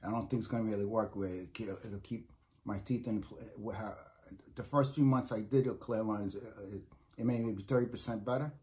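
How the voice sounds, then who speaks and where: A middle-aged vlogger from New York reviews food casually, speaking a little fast in a lowish, darkish voice with fairly even intonation. He's close to his phone or webcam in a small room at home and tends to ramble, repeat, and restart his sentences.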